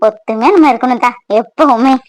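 A woman voicing an emotional, affectionate young wife in a cartoon, tearful and excitable. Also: fairly high pitch, brisk, dry recording, lightly acted. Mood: tender, happy. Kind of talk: Tamil cartoon voice acting.

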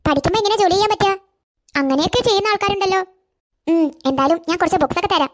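A woman doing a kind, high-voiced older cartoon girl. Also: very fast. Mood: encouraging. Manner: gentle, encouraging, advising. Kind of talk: cartoon voice acting.

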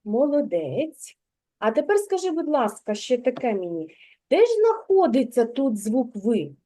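A woman's voice: fairly high pitch, very animated, measured pace, dark tone. A woman kindergarten teacher giving a patient, encouraging one-on-one reading lesson to a young child, prompting step by step.

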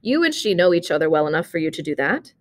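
A woman's voice: on the low side, sing-song, fast talker, voice pushed down. A woman voicing a thrifty, eager male clerk, speaking in a coaxing, earnest tone in a storybook reading.

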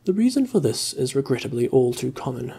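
A man reading a story aloud in a slow, calm, soothing ASMR voice, close to the mic. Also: mid-range voice, vocal fry, breathy edge. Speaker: ASMR reader.

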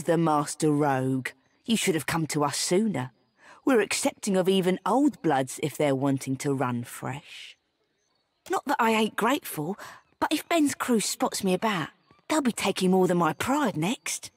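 A woman's voice: on the low side, husky, no echo, heavily acted. A woman voicing a defiant, sarcastic young pirate tied up as punishment in a video game.

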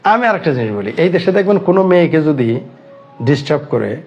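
Man from Bangladesh, heated online commentator, fairly high voice, pounding rhetorical questions, dull lo-fi sound. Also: very animated, fairly quick, soft background music. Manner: indignant, fires rhetorical questions and repeats phrases.

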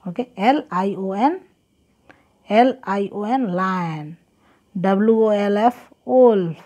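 A young woman teaching children a slow lesson and spelling words out letter by letter. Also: mid-range voice, warm tone.

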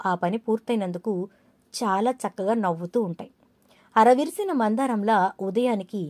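A woman narrating the story of a television serial in a lively, expressive way. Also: medium pitch, no echo. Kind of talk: recounting a TV serial episode.

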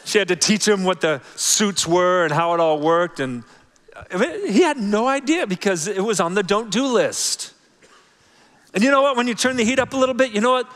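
A man delivers a sermon to his congregation, animated and conversational, dropping now and then to soft phrases. His voice sits a little high for a man. A long reverb hangs after each line in the large hall. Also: normal speed. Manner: animated, conversational preaching with sudden soft drops. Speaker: pastor. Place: large church auditorium.

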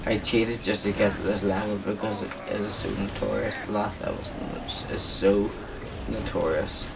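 A young man with a lowish, fairly even voice rambles at a moderate pace through casual, drunken gameplay commentary, swearing heavily. He hosts a gaming video from a desk in a small indoor room, recorded on a distant mic with clear background noise.

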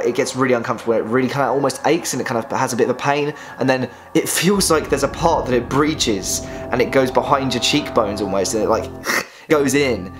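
A young man chats through a vlog with a mid-pitched, slightly strained voice, acting out the people in his story and laughing now and then. Soft music sits faintly underneath. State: voice strained by vocal nodules. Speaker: singer and vlogger.

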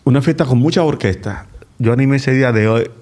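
Dominican dude hosting a podcast, casual, tells stories and cracks jokes. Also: male voice, mid-range voice, quick pace, darkish tone. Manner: joking anecdotal storyteller. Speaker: podcast host.

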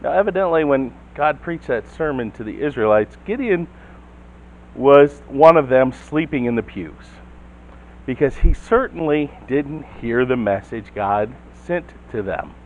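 A man's voice: medium pitch, animated, a little slow, darkish tone, low-quality recording. A man preaching a sermon as the church's pastor, telling a Bible story and putting questions to the congregation. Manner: storytelling, acts out quotes, asks the listeners questions.

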